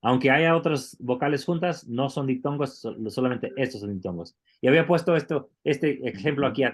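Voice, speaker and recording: In an online class, a man teaches Greek, walking through explanations patiently one step at a time and often restarting what he says. His voice is medium in pitch.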